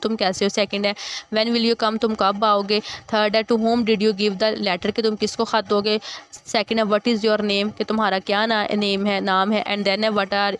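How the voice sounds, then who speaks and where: A woman teacher explains English grammar patiently. She reads each English sentence slowly and then translates it. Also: mid-range voice. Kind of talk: classroom grammar lesson.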